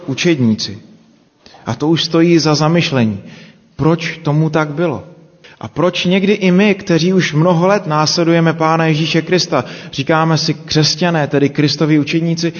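A man reading scripture aloud and then preaching a sermon in a measured, unhurried way, asking rhetorical questions. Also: on the high side. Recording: long reverb, dull lo-fi sound.

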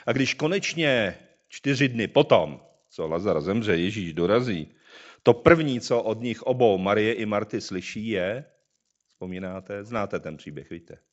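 A man's voice: lowish voice, animated, highs cut off. A man reading a scripture passage aloud and then preaching on it, drawing listeners in with rhetorical questions.

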